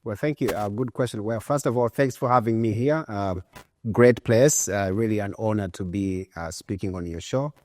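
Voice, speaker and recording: A man in his forties who grew up in Uganda, a guest entrepreneur answering interview questions in a relaxed, thoughtful way with frequent fillers. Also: lowish voice, moderate pace. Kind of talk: conversational interview.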